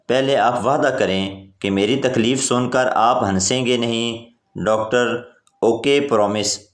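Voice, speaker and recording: Slow, unhurried man telling jokes in an echoey room. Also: mid-range voice. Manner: plain storytelling delivery, voicing each character in the same voice. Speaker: joke narrator. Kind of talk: reading jokes aloud. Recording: roomy echo.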